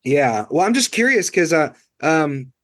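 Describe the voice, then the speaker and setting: A man's voice: fairly high pitch, very animated, a little slow, a bit bright, no room sound, studio quality. A man in a casual book club chat who asks questions and repeats his phrases while he thinks. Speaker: book discussion co-host.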